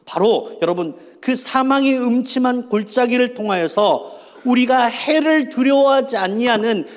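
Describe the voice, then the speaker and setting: A man preaching a Sunday sermon in a fairly high voice, firing rhetorical questions at the congregation and calling them to repeat after him. His voice rings out with a long church-hall reverb. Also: expressive, measured pace. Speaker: pastor.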